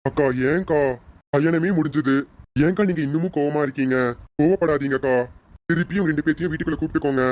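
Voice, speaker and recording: Guy doing a younger brother, talks super fast, begging, dull lo-fi sound. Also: on the high side, steady tone, natural voice. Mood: pleading. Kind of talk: serial parody skit.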